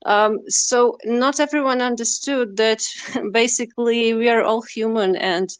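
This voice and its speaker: A woman's voice: a little high, steady tone, measured pace, smooth, no echo. A woman from western Ukraine, a Russian speaker, answering interview questions as a novelist with many hesitant fillers. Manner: hesitant, heavy use of "uh" fillers. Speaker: novelist guest.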